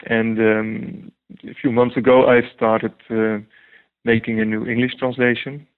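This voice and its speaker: Over a tinny line that sounds like a phone, a guest translator from the Netherlands responds to interview questions with frequent ums and false starts in his Dutch accent. He has a mid-range, clean-toned voice, a level tone, and a measured pace.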